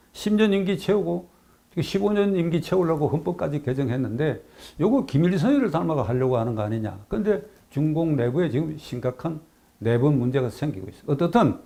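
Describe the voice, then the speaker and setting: An older man from South Korea talks through his views on his own channel in a fairly high-pitched voice. He hammers his points home, repeats key phrases and throws out rhetorical questions. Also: gravelly, warm tone. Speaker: channel host, political commentator. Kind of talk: political commentary monologue.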